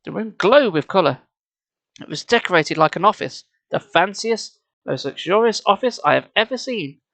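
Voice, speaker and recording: A storyteller and live streamer reads a children's book expressively, dropping in casual, wry, mocking asides. The voice is medium-pitched, animated, a bit bright, and paced normally.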